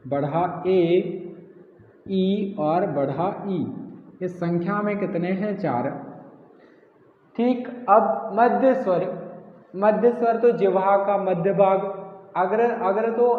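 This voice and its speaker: A man teaching a grammar lesson, asking the class questions and answering them himself, repeating key words. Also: high-pitched. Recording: echoey hall, tinny phone-like sound.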